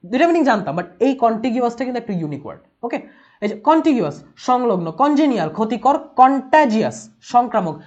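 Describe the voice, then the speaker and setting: Young woman teacher, brisk delivery, fairly high voice, repeats and spells out terms. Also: lo-fi sound. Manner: fast, explanatory, repeats key words and spells them out. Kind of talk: online exam-prep lesson.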